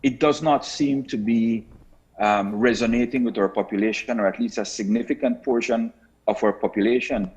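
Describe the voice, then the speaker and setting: A man, a health minister, speaking earnestly in a live interview over a buzzy, glitchy remote call, often pausing with ums and restarts. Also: mid-range voice, steady tone, darkish tone, breathy edge. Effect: buzzy, glitchy remote call audio that cuts out. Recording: muffled, lo-fi remote call line.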